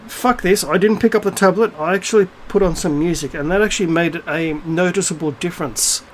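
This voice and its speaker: A middle-aged man with a slightly high voice rants straight to camera in a loose, unscripted monologue. He is blunt and swears freely, wandering through thoughts with plenty of ums and restarts. A faint hiss sits under the recording. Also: fairly quick, poor audio. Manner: blunt, profane, rambling with many fillers and restarts. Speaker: video blogger.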